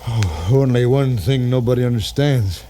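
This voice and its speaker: Dying lieutenant, old radio show, halting, mellow dark tone, faint hiss. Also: male voice, medium pitch, expressive. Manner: slow, halting, breathy farewell. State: dying, weak. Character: dying male lieutenant, regretful. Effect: old radio show broadcast sound. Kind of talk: 1950s radio drama acting.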